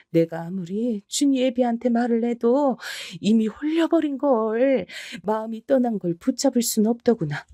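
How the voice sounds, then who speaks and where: A woman's voice: on the high side, dark tone, no room sound, clean studio sound, lightly acted. A woman doing a sorrowful old mother-in-law. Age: older. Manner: sighing, halting apologies. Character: remorseful elderly mother-in-law, soft and apologetic.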